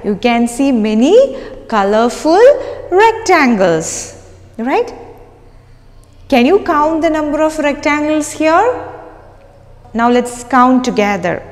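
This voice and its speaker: A young woman teaches small children in a broad singsong manner, repeating words deliberately, as a nursery teacher. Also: sits high. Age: young adult. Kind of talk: children's counting lesson. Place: indoor classroom-like room with decorated wall. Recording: echoey room, long reverb.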